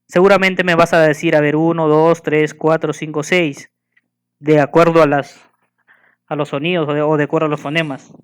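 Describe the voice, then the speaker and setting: A man giving a school lesson, patiently asking the listener questions and slowly spelling and counting things out. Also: fairly high pitch, a bit bright, clear, resonant tone. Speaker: teacher.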